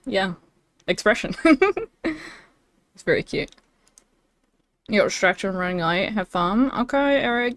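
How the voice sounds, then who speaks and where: A woman's voice: medium pitch, no echo. A young woman streaming live, chatting casually and giggling often, with lots of fillers. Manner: bubbly and giggly, many fillers.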